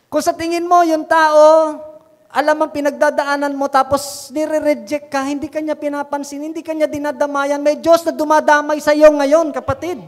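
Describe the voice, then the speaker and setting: A man with a Filipino accent preaching a sermon as pastor, emphatic and repeating his phrases. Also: extremely high pitch. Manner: emphatic, repeats phrases, calls listeners "kapatid". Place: church hall. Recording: long hall reverb.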